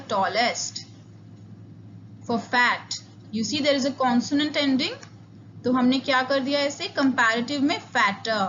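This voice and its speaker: A woman's voice: fairly high pitch, a bit bright, lo-fi sound, slight background noise. A woman with an Indian accent teaching an online English grammar lecture, explaining step by step and switching between Hindi and English. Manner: slow, deliberate explaining, mixing Hindi and English.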